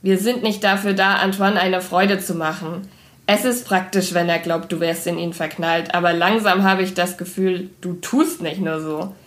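A cold, strict woman scientist in a storybook who hisses and snaps her words slowly, as a woman reads her aloud. Her tone is sharp and commanding. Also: fairly low pitch, steady tone, close to an everyday voice. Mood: scolding. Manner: hissing, clipped, slow.

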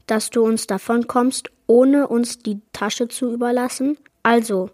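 A woman reading as a rough male robber making demands. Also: a little high, fairly even intonation, a little slow, a little mellow. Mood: threatening. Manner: demanding, threatening.

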